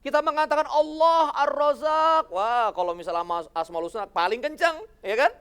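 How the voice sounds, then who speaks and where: A high-pitched religious speaker gives an animated motivational talk on television. The delivery keeps firing rhetorical questions at the audience, who are addressed as friends. Quoted voices are acted out along the way. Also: moderate pace.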